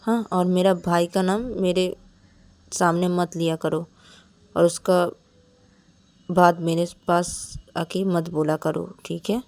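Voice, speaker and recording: A woman puts on a defiant young woman in a spoken love story, short and bitter in her replies. The voice sits fairly low. Its tone is dark and mellow. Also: level tone, takes it slowly, long pauses, no echo. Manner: curt, bitter, firm.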